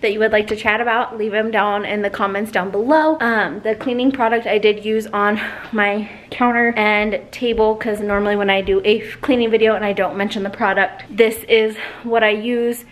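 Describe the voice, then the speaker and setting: A woman in her thirties chatting casually to a handheld camera in her kitchen about her cleaning, relaxed and rambling with the odd filler. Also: mid-range voice, moderate pace. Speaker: home cleaning vlogger. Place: her home kitchen and living room. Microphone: camera held at arm's length.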